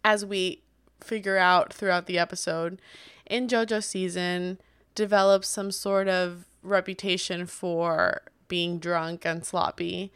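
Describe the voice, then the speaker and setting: A woman's voice: lowish voice, flat delivery, slow, fairly bright tone, clear, resonant tone, dry recording, studio quality. A woman co-hosting a pop culture podcast in an informal, conversational style. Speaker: podcast co-host. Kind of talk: casual pop culture chat.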